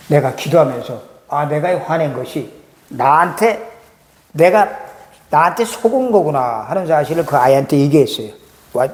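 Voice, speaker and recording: A man, a pastor, preaching a sermon and asking the congregation rhetorical questions. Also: on the high side. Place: church sanctuary. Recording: echoey church hall reverb.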